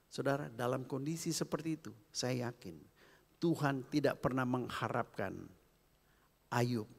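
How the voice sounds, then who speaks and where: A man preaching a sermon, swinging between hushed whispers and loud, emphatic calls. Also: mid-range voice, unhurried, gravelly. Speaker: pastor. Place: church hall. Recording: long reverb of a church hall with faint music.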